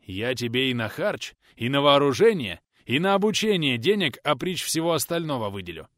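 A stern grand prince of old Rus' barks orders in a booming, gruff voice, as a male narrator plays him. His pitch swings widely as he commands, and the sound is dry and close, with no room around it. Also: sing-song, moderate pace, fairly bright tone, no echo. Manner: booming, gruff, archaic speech.

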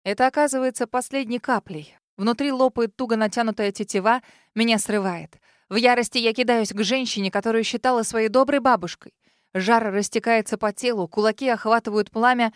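Higher-voiced woman narrating a dramatic fantasy audiobook. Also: a little fast, no echo, clean studio sound. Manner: dramatic, expressive reading.

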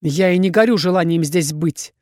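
A proud, irritable male dragon inquisitor, voiced by a woman reading an audiobook, hisses his words through clenched teeth. He sounds a touch lower and heavier than the narration, sarcastic and ready to snap. The recording is close and dry. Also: normal speed, darkish tone, no echo, lightly acted. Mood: angry. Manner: hissing, growling through gritted teeth. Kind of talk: audiobook character voicing.

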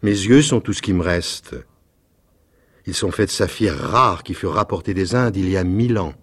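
A man voicing a gentle, sorrowful statue prince in a storybook reading, low, slow and solemn. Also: expressive, breathy edge, full character voice.

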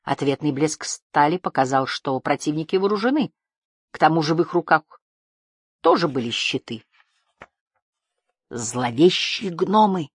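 A woman narrating a fantasy audiobook in a calm, steady way. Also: low-pitched, moderate pace, slightly rough, no echo, clean studio sound.

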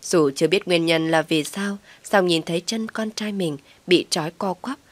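A woman narrating a story in a calm, steady storytelling manner. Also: lowish voice, moderate pace, no room sound.

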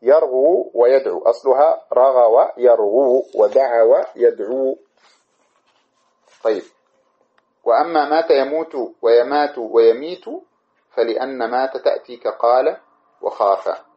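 A man giving a classical grammar lesson in a mid-pitched voice. He works through each point step by step, repeating and correcting himself as he goes. The recording is dull and lo-fi. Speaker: teacher. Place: study room with camera.

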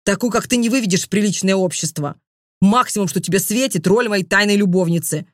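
A woman's voice: medium pitch, dry recording, studio quality, close to an everyday voice. Woman voicing a cold, scornful dragon lord. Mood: mocking. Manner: contemptuous, commanding, slow and heavy.

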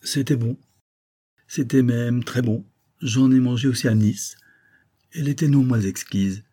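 A man voicing an anxious, excitable comic detective who talks in theatrical exclamations. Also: mid-range voice, unhurried, voice pushed up, lightly acted. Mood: musing.

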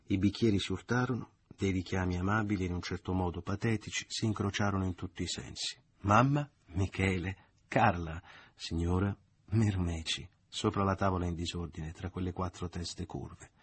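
A man narrating a literary audiobook in a measured, deliberate reading. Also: sits low, fairly even intonation, slightly rough. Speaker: audiobook reader.

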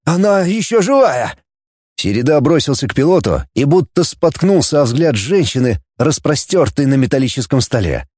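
Male audiobook narrator, lively pitch, dramatic read, dry close mic. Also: no room sound. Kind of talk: scripted narration.

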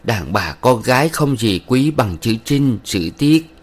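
A man's voice: mid-range voice, sing-song, slow, pitched above the performer's own voice. A man voicing a stern, moralizing middle-aged village matron who lectures a young woman with sugary sternness in a read-aloud novel. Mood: lecturing.

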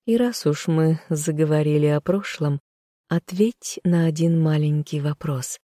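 A woman's voice: deep voice, a little slow, dark tone, dry recording, studio quality. A woman reading an audiobook, voicing a smug, treacherous young noblewoman with a purring, giggling, haughty delivery. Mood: gloating.

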